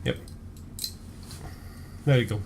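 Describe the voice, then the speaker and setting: A man's voice: slow, darkish tone, slight background noise. A man playing a tabletop game, chatting in a matter-of-fact, helpful way. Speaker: player. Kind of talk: casual chat.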